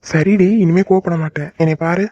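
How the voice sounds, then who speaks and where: A man voicing a gentle young man in a cartoon, soothing and teasing his crying sweetheart. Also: sits high, steady tone, a little fast, no echo, natural voice. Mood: soothing tender. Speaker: voice actor. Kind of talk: cartoon love-story dialogue. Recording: dull lo-fi dry recording.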